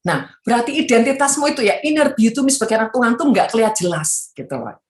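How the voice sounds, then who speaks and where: A woman evangelist preaching a sermon in a lively, animated way, often mocking the people she quotes with playful asides. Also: fairly high pitch, fast talker. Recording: echoey room.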